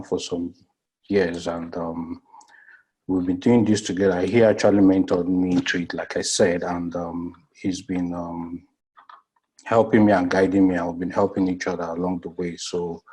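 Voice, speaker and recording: A man joining a video call as a guest speaker, talking haltingly with many fillers. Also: sits low, little pitch movement, darkish tone, husky.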